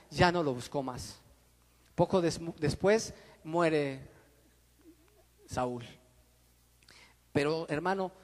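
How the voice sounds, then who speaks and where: A middle-aged man preaching a sermon, swinging between loud and soft and calling his listeners brother. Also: high voice, long reverb tail. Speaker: pastor. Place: church.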